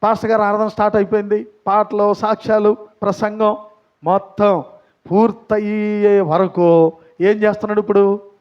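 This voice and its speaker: A man's voice: sits high, level tone, moderate pace, pauses often, clean tone, highs cut off. A man preaching a sermon as pastor, telling a story and putting questions to the congregation. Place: church.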